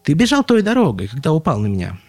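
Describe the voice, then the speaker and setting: A man voicing a timid little yellow female chick in an audiobook, with a squeaky, stammering voice. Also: huge pitch swings, fast talker, dry recording, exaggerated voice. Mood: cheerful, chirpy. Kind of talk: audiobook storytelling.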